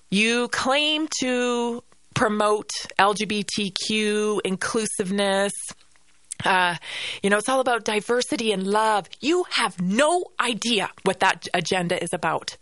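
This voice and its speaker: A woman's voice: medium pitch, a bit bright, no room sound. Canadian lady ranting on her radio show, emphatic, keeps repeating herself, dry close sound. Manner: indignant, emphatic, repeats phrases. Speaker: radio podcast host. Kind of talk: opinion monologue.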